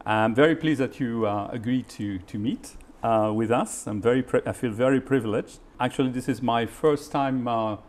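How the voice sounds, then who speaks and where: A man hosting a formal interview, speaking politely and carefully, with frequent pauses. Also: mid-range voice. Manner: measured and polite, with frequent hesitations.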